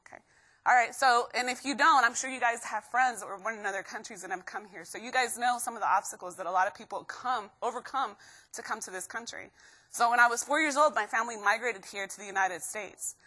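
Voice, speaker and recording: A young woman from Guatemala giving an energetic live motivational talk to students, constantly asking the crowd questions. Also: fairly high pitch, fast, breathy edge. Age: young adult. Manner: energetic, keeps quizzing the crowd. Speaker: motivational speaker.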